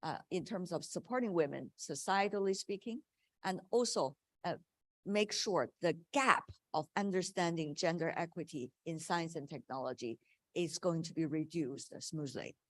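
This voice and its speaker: A woman's voice: low-pitched, normal speed, no room sound. A woman moderating a policy panel discussion, affirming speakers and making joking asides.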